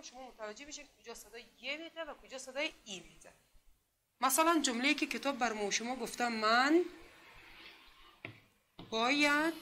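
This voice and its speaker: A woman teaching literacy in a classroom, speaking with an Afghan Dari accent, patiently repeating herself and sounding out letters slowly. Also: sits high, sharp tone. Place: classroom with a board.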